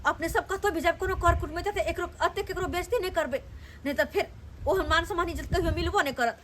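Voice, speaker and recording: An outspoken village wife with a Maithili accent, played by a woman, blunt and preachy. She laughs as she talks. Her voice is very high and bright, with a faint hiss behind it. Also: quick pace. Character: outspoken village sister-in-law defending her family. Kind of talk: comedy skit acting.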